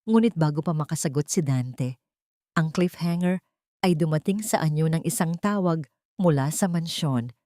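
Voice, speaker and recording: Reading a dramatic audiobook story from a script, a woman with a Filipino accent speaks at a moderate pace in a low, dark voice. The recording is dry, with clean studio sound.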